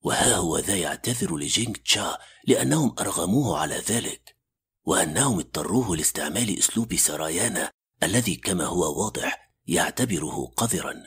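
A man's voice: low-pitched, animated, fairly quick, a bit bright, breathy edge, heavily acted. A man playing an anxious, analytical male doctor who narrates a radio horror story in a suspenseful, formal literary manner. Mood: grave, tense. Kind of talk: dramatic first-person radio story narration. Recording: faint music under the voice. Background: faint background music.

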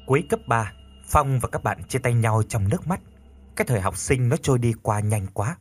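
A man narrating a scripted ghost story in a dramatic, expressive way. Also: medium pitch, moderate pace, husky, soft background music.

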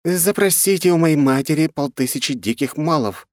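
A man's voice: on the high side, animated, moderate pace, no echo, studio quality, pitched above the performer's own voice, natural voice. A man voicing a cold, commanding female insect queen with a hunger for flesh. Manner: regal, commanding.

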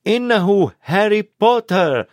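Man reading as cheeky teenage twins, high voice, bouncy, dry sound. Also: lively intonation, no room sound. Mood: teasing. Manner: playful, quick and loud. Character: mischievous teenage twin boys, teasing and cheeky.

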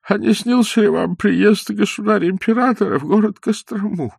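A man's voice: high-pitched, gravelly, slightly rough, dry recording, studio quality, pitched above the performer's own voice, heavily acted. A wailing toothless old man. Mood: eager. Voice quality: lisping toothless mumble. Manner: wailing, drawn-out pleading. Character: toothless frightened old man, tearful and fussy.

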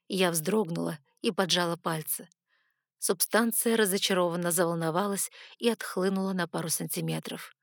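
A woman narrating a first-person audiobook with an expressive, emotional reading. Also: fairly low pitch, no room sound, clean studio sound. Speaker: audiobook reader.

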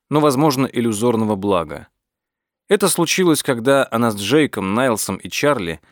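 A man reading an audiobook as its narrator, telling the story in a measured, even way. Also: mid-range voice, dry recording, studio quality. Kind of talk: scripted narration.

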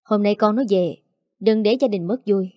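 A woman's voice: mid-range voice, normal speed, mellow, dry recording, clean studio sound, close to an everyday voice. A woman voicing a stubborn middle-aged peasant father who bickers defensively. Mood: bickering.

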